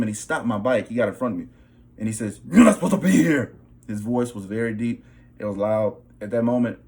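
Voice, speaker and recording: A young vlogger shares a personal spiritual testimony casually and emphatically, often checking in with listeners and repeating "bro" and "okay." His voice is fairly low and a little mellow.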